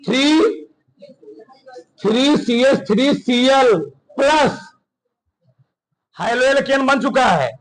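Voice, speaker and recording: A man teaching a chemistry class, quizzing students with constant call-and-response questions and dictating notes slowly. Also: very high voice, low-quality recording. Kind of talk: classroom lecture.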